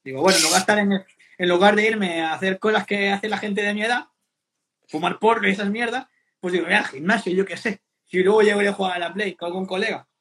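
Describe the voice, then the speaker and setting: Speaking quickly in a high, fairly bright voice with fairly even intonation, this young Spanish fitness coach keeps the podcast chat blunt and slangy. He frequently mimics remarks others have made, and a little hiss or hum runs through the audio.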